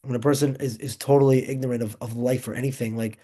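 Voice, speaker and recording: A young man teaching an informal Torah class, emphatic and excitable, rambling between points. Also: medium pitch, quick pace.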